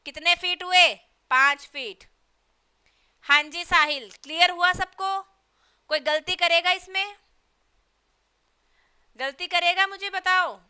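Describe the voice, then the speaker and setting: A woman teaching an English literature class online, quizzing students and pushing them to answer quickly. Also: very high voice, bright, forceful tone.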